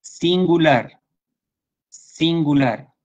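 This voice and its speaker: A man's voice: fairly high pitch, very slow, a little hiss or hum. A man teaching English in an online class, with a Peruvian Spanish accent, patiently repeating points and checking that students follow. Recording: slightly dull lo-fi sound.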